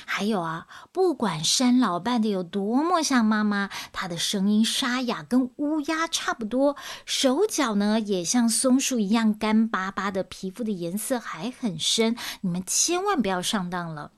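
A woman's voice: mid-range voice, animated, a little slow, hardly any pauses, lightly acted. A woman voicing a caring mother who earnestly warns her three sons to keep the door shut. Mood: warning.

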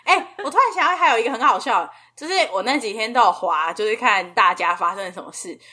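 A woman's voice: fairly high pitch, lively intonation, fast talker, sharp tone, slightly rough. A woman with a Taiwanese accent telling stories casually and informally as a podcast co-host. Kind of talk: casual chat, storytelling.

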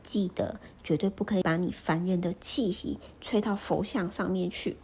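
A woman voicing a stern old male temple elder who scolds in a raised, breathy voice. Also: lowish voice, fairly even intonation, normal speed, mellow, a little hiss or hum, lightly acted. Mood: lecturing.

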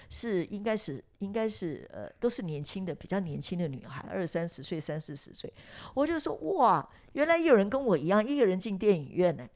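Gravelly-voiced woman chatting reflectively. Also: fairly low pitch, a little mellow. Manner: reflective, chatty, many fillers and restarts. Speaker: podcast host. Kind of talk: casual chat.

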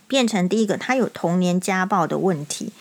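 A middle-aged woman eye doctor, telling stories on her podcast in a casual, animated, indignant way. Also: on the low side, brisk. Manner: animated, indignant, emphatic when retelling. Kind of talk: casual storytelling monologue.

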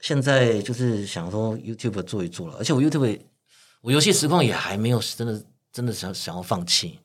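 Taiwanese accent guy just chatting, kinda low voice, talks fast, throws in english gamer words. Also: lively intonation, slightly rough. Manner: talkative, peppers speech with English gamer terms. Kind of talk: casual chat.

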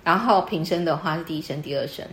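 A woman's voice: deep voice, fast talker, fairly bright tone, slight background noise. Lady explaining stuff, quizzes you, kinda teacherly, roomy echo. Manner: patient, teacherly, quizzes the listener. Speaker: host explaining customs. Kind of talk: casual explanatory chat. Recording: echoey room.

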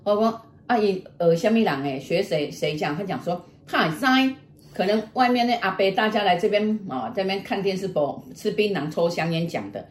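A woman's voice: mid-range voice, a little fast. Middle-aged woman, casual storyteller, acts out the voices, echoey room. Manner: animated, acts out quoted voices, laughs often. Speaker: storyteller host. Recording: echoey room with faint noise.

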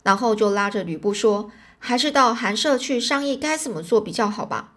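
A woman's voice: on the high side, expressive, fairly quick, fairly bright tone. A woman voicing a sly old official. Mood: feigned shock. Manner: sly, solicitous. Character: older male official, cunning and feigning concern.

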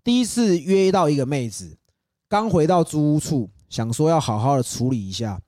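A man's voice: fairly high pitch, very animated, moderate pace, dark tone, dry recording, clean studio sound. A young man with a Taiwanese Mandarin accent co-hosting a podcast, telling crude stories with lots of swearing and laughter. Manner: laughs often, swears, retells stories with acted quotes. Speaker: podcast co-host. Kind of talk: casual crude chat.

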